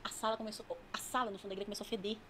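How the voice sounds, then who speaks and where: Rapid-talking woman giving a testimony. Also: mid-range voice, little pitch movement, fairly bright tone, a little hiss or hum. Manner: vivid, emphatic storytelling. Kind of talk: dramatic personal testimony.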